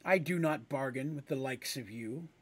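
A man voicing a huge, menacing floating eye monster in a storytelling show, speaking slowly and threateningly. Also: a bit bright, slightly rough. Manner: deep, threatening, slow.

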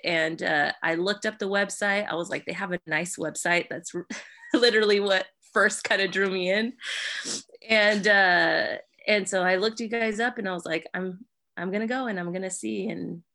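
A young woman sharing her personal story at church, hesitant and full of fillers, with soft laughs. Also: medium pitch, steady tone, a little slow. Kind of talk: personal testimony.

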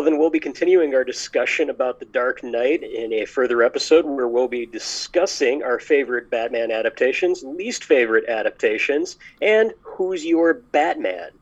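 A man hosting a podcast in casual chat, telling stories in a lively, animated way. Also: medium pitch, measured pace. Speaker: podcast host. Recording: dull lo-fi sound.

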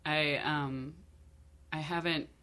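A woman's voice: low voice, steady tone, slow pace, sharp tone. A woman from North Carolina in casual conversation, telling rambling stories with fillers and frequent laughter. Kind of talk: casual chat.

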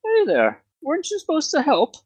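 A man voicing a dim-witted, whiny town guard in a tabletop fantasy game, with drawn-out exclamations. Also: very high-pitched, wildly swooping pitch, dry recording, pitched above the performer's own voice, exaggerated voice. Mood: wary, grudging.

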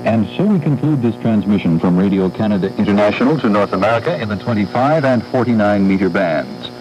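A male station announcer giving a measured, formal sign-off, heard over fading shortwave radio reception. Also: fairly low pitch, lively intonation. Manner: measured, reads frequencies and address. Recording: muffled noisy shortwave broadcast with mains hum.

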